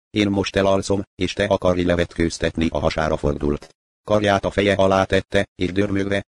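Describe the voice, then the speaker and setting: A man reading a literary short story aloud in a measured, even narrating voice. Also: low-pitched.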